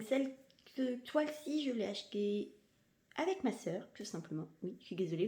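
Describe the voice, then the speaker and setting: A woman chatting enthusiastically in a casual unboxing vlog, sometimes slipping into a soft half-whisper and moving away from the mic. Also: mid-range voice, echoey room. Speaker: crafting vlogger.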